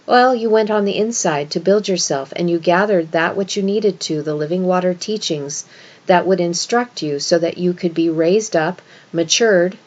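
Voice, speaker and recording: A woman's voice: lowish voice, normal speed, a little mellow, lo-fi sound. A woman giving an esoteric scripture lesson as a religious teacher, explaining in an instructive way and stressing key words.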